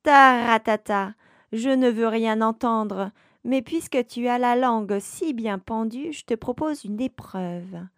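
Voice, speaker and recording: A woman's voice: a little high, takes it slowly, dry recording, clean studio sound. A woman voicing a spiteful old female witch in a sneering, mocking tone. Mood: commanding.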